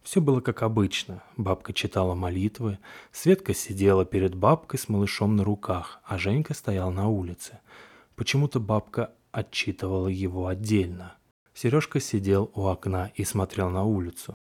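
A man reading a horror story aloud in a hushed, even storytelling manner. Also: low voice, normal speed, slightly rough. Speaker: narrator.

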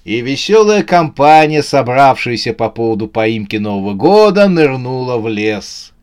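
A man narrating a humorous horror story in a lively, playful storytelling manner. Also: mid-range voice, normal speed, clear, resonant tone. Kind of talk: scripted audiobook narration.

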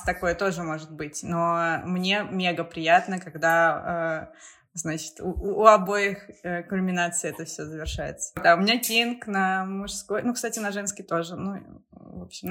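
A woman's voice: lowish voice, a bit bright. A woman in her thirties speaking as a podcast guest in candid casual chat, often searching for her words. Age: 30s.

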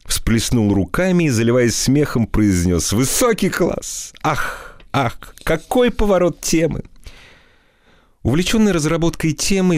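A man narrating an audiobook in a lively, dramatic storytelling way. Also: lowish voice, dry recording, clean studio sound. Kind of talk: expressive audiobook reading.

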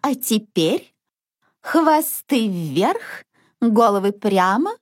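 Brief: woman playing a high, shrill, bossy mother duck in a children's story, wide swoops in pitch. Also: very animated, drawn-out words, no room sound, clean studio sound, exaggerated voice. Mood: grumbling. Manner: shrill, commanding.

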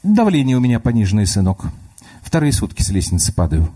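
A man's voice: fairly low pitch, huge pitch swings, fast, warm tone, husky, pitched above the performer's own voice, exaggerated voice. A man voicing a melodramatic, scolding old grandmother in a comic radio story. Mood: plaintive. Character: fussy, wailing old grandmother.

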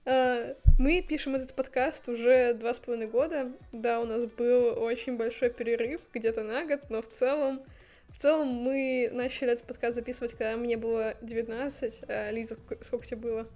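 A woman's voice: on the high side, steady tone, a little fast, dark tone. A woman in her twenties co-hosting a podcast, joking playfully and laughing often. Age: 20s. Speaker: podcast co-host. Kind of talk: casual chat.

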